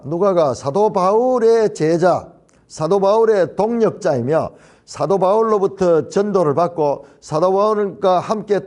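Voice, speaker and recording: A man's voice: a little high, a little mellow. A man preaching as a pastor in a Bible study sermon, stressing points by repeating key phrases. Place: church.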